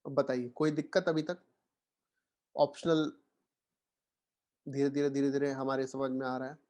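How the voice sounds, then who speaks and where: A man's voice: medium pitch, flat delivery, measured pace, a little mellow. A man with an Indian accent teaching an online lecture. He mixes Hindi and English, keeps checking in with "theek hai", and reassures his students.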